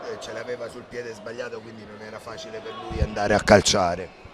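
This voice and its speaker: A man co-commentating as a coach, giving tactical analysis in hesitant, measured phrases. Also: lowish voice, flat delivery, a crowd in the background.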